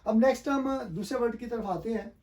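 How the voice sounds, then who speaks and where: A man's voice: very high-pitched, brisk, a little mellow, distant mic. A man teaching a pronunciation lesson, asking and answering his own questions and spelling words out letter by letter. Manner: hesitant, many fillers and restarts.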